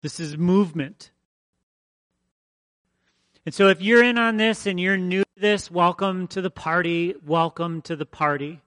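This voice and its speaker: A man's voice: high voice, a little slow, long pauses, fairly bright tone, no room sound. A man preaching a conversational sermon as pastor, emphatic and fond of repeating his phrases.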